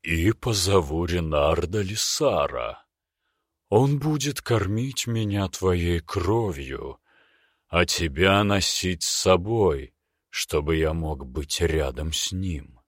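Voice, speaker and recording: A man voicing a cunning, imperious male demon with a slow, drawn-out, purring delivery. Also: low-pitched, no room sound, studio quality, exaggerated voice.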